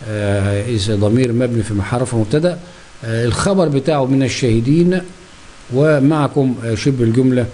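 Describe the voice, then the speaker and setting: A man's voice: mid-range voice, mellow, a little hiss or hum. A man with an Egyptian Arabic accent teaching a grammar lesson, who keeps asking himself questions and answering them.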